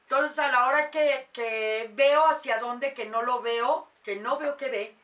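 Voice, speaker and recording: Bright-voiced woman telling a story. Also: high voice, measured pace, recorded from a distance. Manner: animated, acts out quoted voices. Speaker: mother telling a paranormal story. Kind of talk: casual storytelling.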